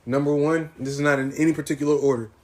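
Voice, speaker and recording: A man's voice: a little high, level tone, quick pace, a little mellow. A young man hosting his own podcast, ranting in casual profane slang with mock-dramatic grief. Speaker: podcast host. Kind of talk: casual solo podcast rant.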